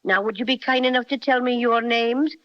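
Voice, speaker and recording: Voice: medium pitch, steady tone, fairly quick, close to an everyday voice. An actor playing a small, cheerful male teddy bear with an Irish brogue, chatty and polite. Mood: friendly. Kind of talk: 1930s radio acting. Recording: dull old radio recording.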